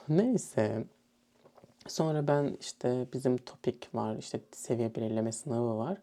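A man's voice: medium pitch, slow, dark tone. A young man from Turkey telling a story casually and animatedly, acting out what other people said. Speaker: student vlogger.

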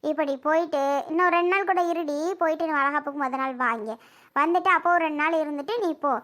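A woman's voice: high-pitched, steady tone, quick pace, fairly bright tone. A performer voicing a worried mother who lectures her daughter insistently in a family drama skit. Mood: advising. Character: scolding, worried mother giving advice.

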